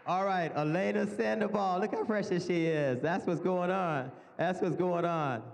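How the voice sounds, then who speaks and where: A man's voice: high voice, normal speed, gravelly, noisy background. A man with a Mississippi accent hosting a live awards event, exhorting people and repeating his phrases. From Mississippi, United States. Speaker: host presenting awards. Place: large banquet hall with stage, indoors. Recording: echoey hall over PA system.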